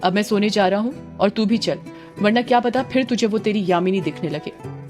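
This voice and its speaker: A thoughtful young man who reasons things through calmly in an audio storybook, as a woman narrator puts him on. His calm voice sits at an ordinary pitch, with faint plucked guitar music underneath. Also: normal speed, natural voice.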